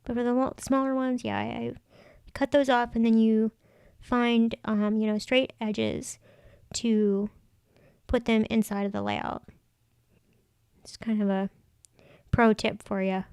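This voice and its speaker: Female craft vlogger, smooth and slightly high voice, chatty casual tutorial narration, close dry sound. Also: fairly even intonation, measured pace, long pauses, darkish tone, dry recording. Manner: chatty, thinking aloud. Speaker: craft vlog host.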